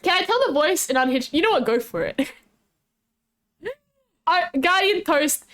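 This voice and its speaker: A woman's voice: sits high, expressive, moderate pace, a bit bright. A woman hosting a livestream as game master, improvising casually in a cute, playful, giggly anime-streamer manner. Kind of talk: casual improvised role-play narration to a stream chat.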